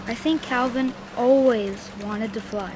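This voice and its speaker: A woman's voice: on the high side, measured pace, music in the background, lightly acted, poor audio. A woman playing a child who narrates memories of a stubborn twin, in a wistful, scripted storytelling style. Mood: wistful, reflective.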